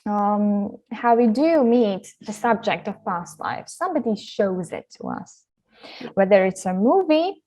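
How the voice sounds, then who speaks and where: A woman's voice: mid-range voice, sing-song, a little slow, warm tone. A woman from Latvia, a guest on a podcast, explaining her work in an upbeat, eager way. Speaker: hypnotherapy guest. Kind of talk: podcast interview.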